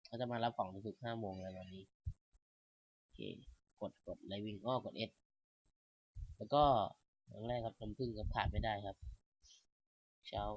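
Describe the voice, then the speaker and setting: A man's voice: on the low side, lo-fi sound. A young man casually commenting as he plays a farming game, rambling and talking to himself, holding his mic in his hand. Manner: rambling, chatty, talks to himself while playing. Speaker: gaming YouTuber. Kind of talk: casual let's-play commentary. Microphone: handheld mic.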